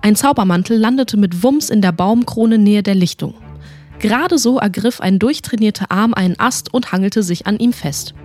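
Woman, audiobook narrator, playful fantasy storytelling, middle pitch, faint music behind. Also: moderate pace, a little mellow.

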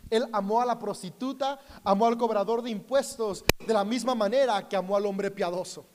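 A man's voice: sits high, fairly quick, in a large hall, background noise. A man who is a father of school-age daughters, preaching an earnest sermon to a camera and telling a story about his own family. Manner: earnest, storytelling with quoted dialogue. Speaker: pastor.

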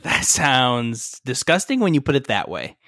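A man's voice: mid-range voice, very animated, measured pace, bright, forceful tone, no room sound. A man co-hosting a casual podcast, talking in a middle register with an enthusiastic, rambling manner. He often restarts his sentences. His voice is recorded close and dry, with no room sound. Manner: chatty, enthusiastic, trips over words. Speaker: podcast co-host. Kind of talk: casual chat.

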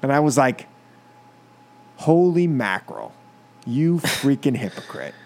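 A talk radio host, an American man in his studio, works through a passionate political monologue with exasperated emphasis, repeating phrases to underline them. His medium-pitched, slightly mellow voice has a sing-song lilt and a measured pace.

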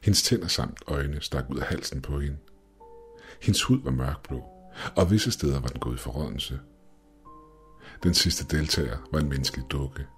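A man narrating a scripted horror story in a slow, measured, grim way. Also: a bass voice. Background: faint music.

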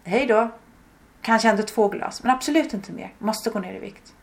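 A woman's voice: medium pitch, creaky, pitched above the performer's own voice, natural voice. A woman voicing a chatty, self-deprecating female shop customer.

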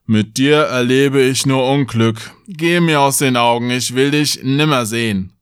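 A man's voice: medium pitch, a little slow, clear, resonant tone, no room sound, natural voice. A weary old father scolding his useless son, as a male narrator puts him on. The voice is firm and close, with a dry sound. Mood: stern. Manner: stern, weary. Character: worried, stern old father.

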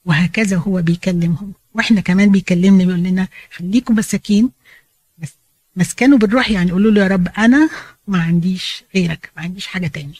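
Fast-talking Egyptian woman teaching the Bible. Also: lowish voice, darkish tone, no echo. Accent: Egyptian Arabic. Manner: explains in a chatty way, mixing in English phrases.

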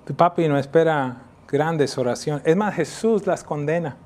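A man in his thirties preaches a sermon to his congregation in a church, his voice sitting a little high for a man. He grows animated and lifts his voice to drive home a point. He slows right down when he reads scripture aloud. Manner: animated preaching, voice rising for emphasis. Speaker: pastor.

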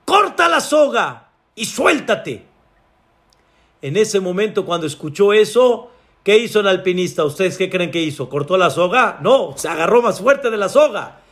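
A man's voice: high-pitched, animated, normal speed. A man preaching a sermon as a rabbi, telling a story and acting out its characters' voices. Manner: dramatic storyteller, acts out voices.

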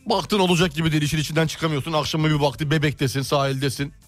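A man's voice: a little high, fairly even intonation, soft background music. A man co-hosting a radio show, joking playfully and interrupting in casual comedic banter. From Turkey. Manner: playful, quick to joke and interrupt.

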